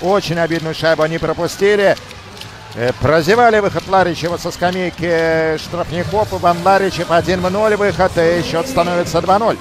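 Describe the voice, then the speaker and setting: A man doing live hockey commentary as a play-by-play announcer, emphatic and excited in his goal calls. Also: sits high, a little fast, music in the background.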